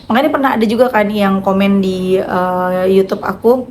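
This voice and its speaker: Loud, fast-talking woman. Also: medium pitch, slight background noise. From North Jakarta, Indonesia. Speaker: vlogger and author. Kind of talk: casual chat to viewers.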